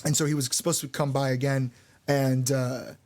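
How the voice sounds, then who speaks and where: A man's voice: medium pitch, level tone, moderate pace, darkish tone. A young man, a band frontman, telling a story on a podcast in a loose, candid way, swearing freely and saying "like" a lot.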